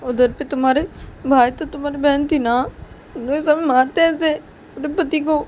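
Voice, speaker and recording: A woman voicing a young woman who is deeply hurt and furious at her partner, speaking in a tearful, repetitive voice that keeps rising. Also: fairly even intonation, moderate pace, a little mellow, slight background noise, natural voice. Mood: hurt angry.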